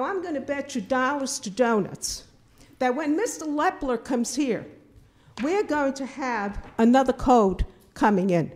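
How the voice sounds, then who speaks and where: An older woman giving an indignant, emphatic public comment at a town board meeting, speaking into a podium microphone in a meeting room. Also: high voice. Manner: indignant, emphatic, repeats herself. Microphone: podium microphone, filmed from a distant camera.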